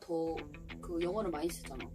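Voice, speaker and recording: A woman's voice: low-pitched, fairly quick, music in the background. A young woman chatting casually as an eating-show guest, blunt and playfully argumentative. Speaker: mukbang guest. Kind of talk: casual chat while eating. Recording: clearly noisy background.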